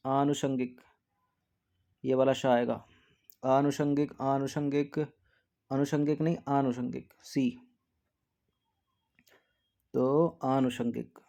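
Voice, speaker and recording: Teacher drilling spelling, dark voice. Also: male voice. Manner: repeats words to drill spelling; drops to a soft low aside after answers. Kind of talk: exam practice lesson.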